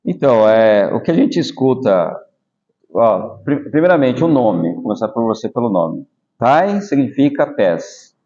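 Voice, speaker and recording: A man's voice: medium pitch, a little slow. A middle-aged Brazilian man, a taekwondo master, telling stories and explaining patiently in a casual interview. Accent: Brazilian Portuguese. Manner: animated, explains patiently with small asides. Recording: slightly dull lo-fi audio.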